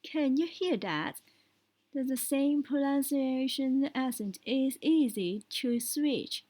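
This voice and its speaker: A woman teaching English speaking tips, explaining step by step and often checking in with a quick question. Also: sits high, expressive, warm tone, poor audio. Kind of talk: spoken language lesson.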